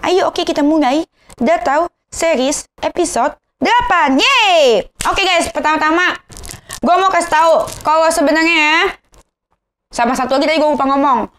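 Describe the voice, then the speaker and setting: A woman's voice: high voice, normal speed, a bit bright. A woman with a Jakarta Indonesian accent and a lisp on her r's, rambling and tripping over words in a casual gossip rant to viewers. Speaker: vlogger.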